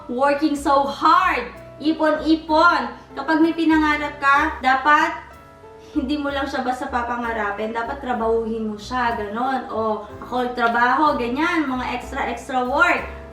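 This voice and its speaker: A woman from the Philippines chatting to camera as she unboxes a handbag, excitable and switching into English now and then. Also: high-pitched, far from the mic. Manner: chatty, excitable, mixes English into her talk. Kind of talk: casual chat to camera. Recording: roomy, a bit off-mic, soft music behind.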